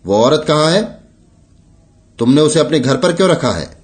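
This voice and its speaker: A man's voice: fairly high pitch, very animated, unhurried, voice pushed up. A man voicing a drunk, brutal colonial agent who barks orders in broken Hindi. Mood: angry.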